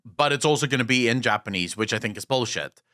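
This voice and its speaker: Talking fast with a sharp tone, an animated man of medium pitch co-hosts a gaming podcast, his first language being Afrikaans. His casual chat turns into blunt, profane, opinionated rants.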